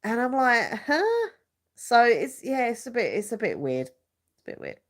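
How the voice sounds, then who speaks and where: A young woman's voice sits on the high side, with huge swings in pitch and a slightly slow pace. Her nose is blocked up as she hosts a YouTube live chat, rambling casually, groping for words, and using many fillers.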